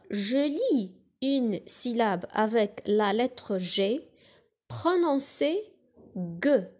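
A woman teaching a phonics lesson to young children, spelling out letters and syllables one by one in a slow, deliberate way. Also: medium pitch. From Morocco. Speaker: primary school teacher.

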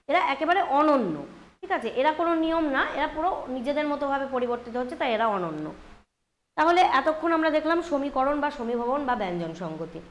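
A woman's voice: sits high, a little hiss or hum. A woman teaching a grammar lesson, explaining step by step and checking in with students. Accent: Bengali. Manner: explains step by step, often asks "ঠিক আছে?".

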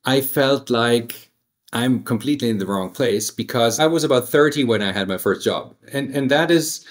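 A man's voice: medium pitch, normal speed. A man with a German accent, a guest attorney in his forties, talking reflectively in a casual interview with many restarts and fillers.

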